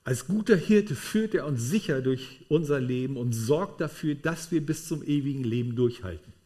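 A man's voice: medium pitch, normal speed, warm tone. A man preaching a sermon to a congregation in a room, emphatic and checking in with tag questions.

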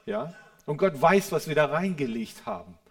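A man preaching a sermon in an earnest way, moving between quiet, reverent passages and loud, fervent ones, often checking in with the listeners. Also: on the high side, lively intonation, moderate pace. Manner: addresses listeners with a questioning "Ja?".

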